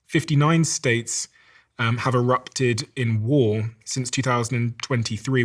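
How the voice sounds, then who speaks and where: A male podcast host who opens an interview by reading statistics in a measured, careful way. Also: medium pitch, fairly bright tone.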